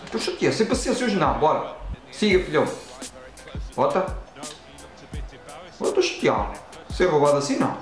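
Brief: excitable Portuguese gamer guy, lively rising pitch, echoey room with faint music behind. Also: a little fast, long pauses. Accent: European Portuguese. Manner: excitable, talks at the game and the referee, frequent exclamations. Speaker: gaming channel host. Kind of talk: playing a football video game and commentating.

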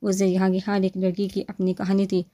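A woman's voice: mid-range voice, monotone, warm tone. A woman narrating a romance novel aloud, lifting her voice for the characters' dialogue. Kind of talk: scripted novel reading.

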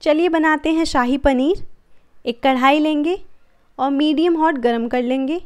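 In a voice-over for her cooking channel, a woman talks viewers through a recipe step by step, calm and friendly throughout. Her voice is high and her pace a little slow.

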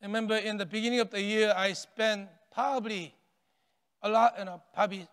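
An older man preaching a sermon from a church stage, animated and gesturing, often dropping to a hush on key words and repeating phrases as he builds. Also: high voice, clear, resonant tone. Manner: animated preaching with wide arm gestures, rising and falling intensity. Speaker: pastor. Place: large church sanctuary, stage with pulpit. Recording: long reverb of a church hall.

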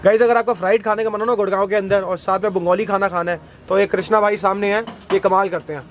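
Steady in tone but quick in pace, a high-pitched Indian host in his thirties films an easygoing street food vlog at outdoor carts, slipping between Hindi and English and exclaiming eagerly. Slight background noise can be heard.

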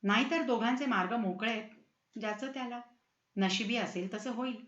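A woman's voice: on the high side, normal speed, a bit bright, echoey room, muffled recording, natural voice. A woman voicing a passionate, hot-tempered young prince in a storybook reading. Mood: earnest.

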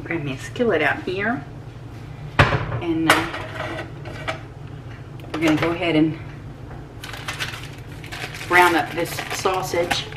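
An older woman with a gentle drawl talks her viewers through a home recipe, easygoing and full of little fillers. Her voice sits on the low side, picked up by a camera mic some way across the kitchen with a clear layer of background noise. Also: slow pace, long pauses, far from the mic. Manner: homey, chatty, with soft laughs and fillers. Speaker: home cooking channel host. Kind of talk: casual cooking demonstration.

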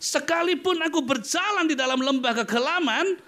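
A man preaching a sermon in church, lively and conversational, often calling out to his listeners with playful asides. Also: extremely high pitch, moderate pace. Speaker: pastor.

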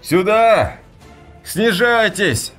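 A man voicing an adult man yelling to be heard, with a lively voice. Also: high-pitched, extremely slow, faint music behind, voice pushed up, heavily acted. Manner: shouting. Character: adult man shouting to a helicopter.

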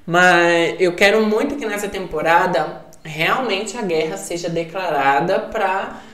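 A man's voice: high voice, measured pace, roomy sound. A man with a Brazilian accent reacting to a TV episode as he watches, gasping and exclaiming at the scenes before chatting about the season. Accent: Brazilian Portuguese. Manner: excitable, gasps and exclaims at scenes. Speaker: reaction channel host.

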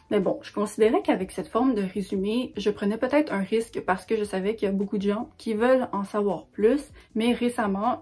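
A woman's voice: medium pitch, a little mellow, slightly rough. A young woman from Quebec with a Québécois French accent, chatting enthusiastically to camera as a book vlogger. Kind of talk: casual vlog talk to camera.

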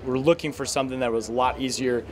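A man in his thirties from the United States, a guest at a trade show interview, talking in a measured, upbeat way with many fillers, recorded at an indoor expo stand on a handheld mic. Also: medium pitch, fairly even intonation, a little hiss or hum. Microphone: handheld mic held by interviewer.

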